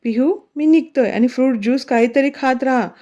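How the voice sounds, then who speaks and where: A teasing, protective young husband reassures his wife, as a woman narrator voices him. The tone is mellow and a little high for a man. The recording sounds dull and lo-fi. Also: a little fast, natural voice.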